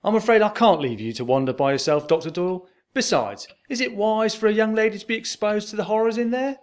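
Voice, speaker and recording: A man's voice: high-pitched, fast talker, lightly acted. A man playing a brusque, officious Victorian police sergeant with a London accent in an audio drama. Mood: stiffly polite.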